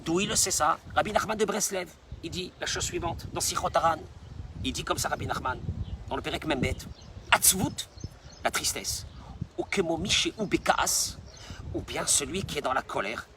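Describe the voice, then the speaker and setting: A man's voice: fairly high pitch, normal speed, noisy background. A man, a rabbi, preaching a sermon in an emphatic way, repeating phrases for stress.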